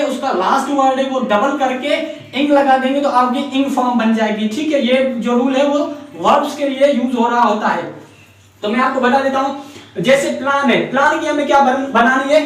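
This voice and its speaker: A man from Pakistan teaching a spelling lesson in a high voice. He spells words out letter by letter and keeps checking that his listeners follow. The recording is very echoey, with the mic well away from him. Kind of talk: spelling lecture. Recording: echoey room, mic far off.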